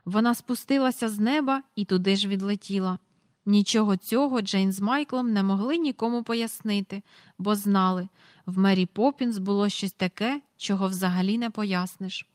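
A woman reading a storybook aloud in calm, even narration. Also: mid-range voice, moderate pace, dry recording, clean studio sound. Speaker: audiobook reader.

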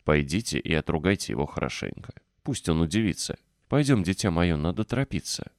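Man doing an anxious coaxing nurse, raised pitch, dry close sound. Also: very animated, a little fast, no echo. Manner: coaxing, then timid. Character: anxious adult woman nurse.

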